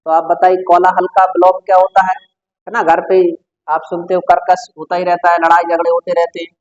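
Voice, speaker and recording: Male tutor, high-pitched, drilling students with repeated questions; muffled lo-fi recording. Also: completely flat delivery, a little fast. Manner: quizzing the listener with repeated questions. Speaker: teacher. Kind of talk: exam-prep Hindi vocabulary lesson. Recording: dull lo-fi sound.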